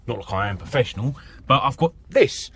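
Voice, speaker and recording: Animated and brisk, a British man speaks in a medium-pitched, somewhat bright voice. The vlogger, an amateur vehicle DIYer, rambles informally into a handheld camera, offering a casual, self-deprecating walkthrough while he works in and around an off-road vehicle outdoors. A handheld phone or camera mic records noisy audio with vehicle ambience.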